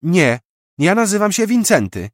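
A man's voice: high-pitched, lively intonation, moderate pace, dry recording, studio quality, voice pushed up. A man voicing a small, earnest boy who speaks seriously and matter-of-factly. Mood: indignant. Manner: solemn, matter-of-fact.

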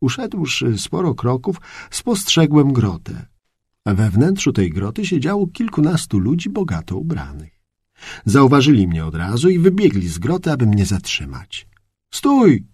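A man narrating a first-person adventure story in an expressive storytelling delivery. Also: medium pitch, moderate pace, husky, dry recording, clean studio sound. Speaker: audiobook narrator.

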